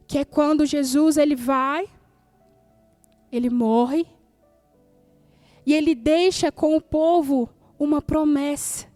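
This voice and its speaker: High-voiced woman pastor, Brazilian accent. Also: darkish tone, dry recording. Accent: Brazilian Portuguese. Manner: emphatic, repeats key phrases for effect. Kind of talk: sermon.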